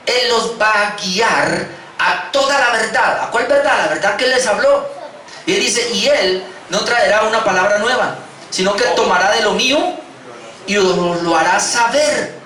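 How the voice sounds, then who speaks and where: A man's voice: high-pitched, bright, forceful tone, slight background noise. A man with a Colombian accent preaching a sermon as pastor, emphatic and repeating key words, calling his listeners brothers. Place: church hall. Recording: echoey church hall, mic from a distance.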